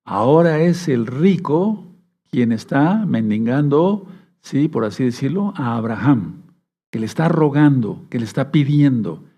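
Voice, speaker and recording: A man preaching a Bible study sermon, reading verses aloud slowly and often checking that his listeners follow along. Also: mid-range voice, lively intonation, mellow. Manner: reads scripture aloud slowly. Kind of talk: sermon teaching.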